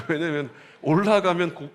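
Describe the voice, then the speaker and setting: A man preaching a Sunday sermon as pastor, animated and calling on the congregation to repeat lines and read along. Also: a little high, measured pace. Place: church sanctuary. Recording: church sanctuary with long reverb.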